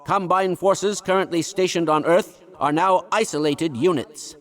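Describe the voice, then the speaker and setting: An actor voices an eccentric, fussy older male scientist in scripted video game dialogue, absent-minded yet kindly, using wordy, formal, pedantic phrasing. The voice is high-pitched and measured, with an earnest, lecturing mood.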